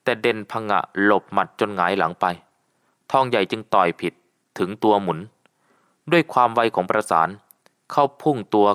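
Low-voiced male storybook narrator. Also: moderate pace. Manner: steady storybook reading. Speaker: audiobook narrator. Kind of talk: scripted narration.

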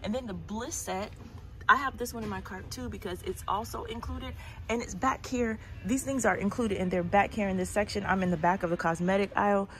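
A woman talks casually to her viewers as she walks through a large store. She is recorded on a phone held in her hand. Her pitch is mid-range for a woman. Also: brisk, a bit bright. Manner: chatty, walking while talking, addressing viewers directly. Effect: recorded on a handheld phone. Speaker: shopping vlogger. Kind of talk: casual walk-and-talk store tour. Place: large indoor retail store.

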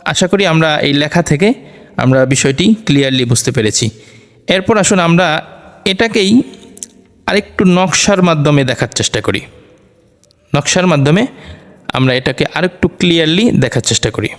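A man teaching Quran letter pronunciation, explaining slowly and repeating each Arabic letter over and over for practice. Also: fairly high pitch, expressive. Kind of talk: slow explanatory lesson with drilled letter sounds. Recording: long reverberant room echo.

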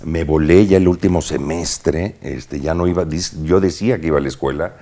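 A man with a Mexican accent and an extremely deep, low-pitched voice speaks as a guest in a relaxed interview. He is an actor who recounts his past in lively anecdotes, peppering them with slang and punchy sound words. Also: normal speed. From Mexico, Veracruz. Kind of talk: casual interview storytelling.

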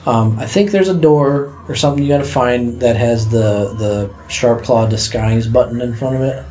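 A man's voice: mid-range voice, moderate pace, warm tone. A young man giving laid-back, casual commentary on a video game, swearing now and then and telling the player where to go. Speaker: let's play host.

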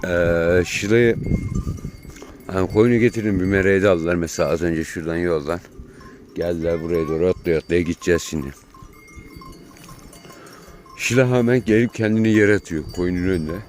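A man with a very low voice, a shepherd, calmly narrates to his viewers while walking with his flock. He talks in a relaxed, running commentary on an outdoor pasture under a grey sky. The recording is outdoors and full of noise, with sheep bleating in the background. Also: brisk. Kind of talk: casual vlog narration while herding.

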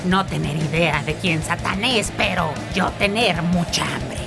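A woman's voice: fairly low pitch, a little slow, creaky. A woman voicing a dim, hungry caveman sponge who talks bluntly in broken grammar in a cartoon parody. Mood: baffled. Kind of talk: animated parody acting. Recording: very loud music behind.

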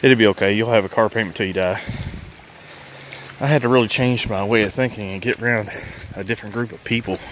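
A middle-aged man with a lowish voice, talking plainly and folksily as he films himself with a handheld phone. He rambles from one thought to the next while walking outdoors and driving his truck. A faint background hiss sits under his voice. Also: steady tone, fast talker, fairly bright tone, rough recording. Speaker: vlogger. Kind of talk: casual walk-and-talk vlog. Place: outdoors on a rural property and inside a truck.

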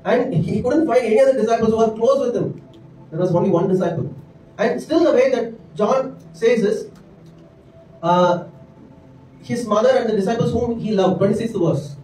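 A middle-aged pastor with an Indian English accent preaches a sermon from a church stage into a handheld mic, earnest and peppered with frequent "right?" and "amen" asides. His voice is high-pitched yet dark in tone, at a moderate pace with long pauses. The echoey church room is miked from a distance, with slight background noise.

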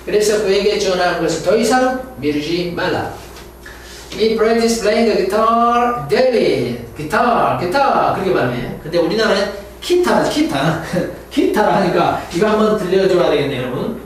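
A man teaching English grammar, reading English examples slowly and explaining them in Korean, often repeating words and correcting himself. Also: high-pitched, animated, heavy reverb, distant mic, slight background noise, poor audio. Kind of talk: lecture on grammar.

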